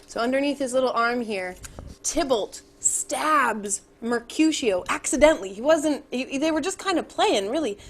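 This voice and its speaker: Upbeat young woman hosting an online class. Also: fairly high pitch. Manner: upbeat, chatty, laughs often. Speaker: webinar host and educator.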